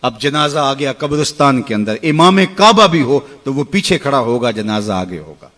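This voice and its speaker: Middle-aged guy preaching, really emotional, loud then quiet, normal mid voice. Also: big pitch swings. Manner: impassioned, swings between soaring cries and hushed lows; chants Arabic verses slowly. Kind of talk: emotional Islamic sermon.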